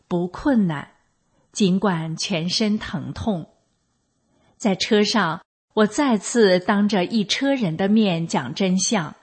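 An older woman reading a first-person account for a radio program in a slow, measured, plain way. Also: mid-range voice, breathy edge. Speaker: radio reader of a testimonial. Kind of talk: scripted first-person narration.

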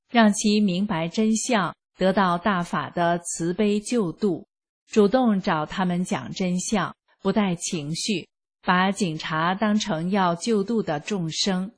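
A woman reads a first-person account at an unhurried pace, her delivery calm and even. Her voice is soft and slightly breathy, with measured pauses between phrases. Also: medium pitch. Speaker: reader. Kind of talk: scripted first-person narration.

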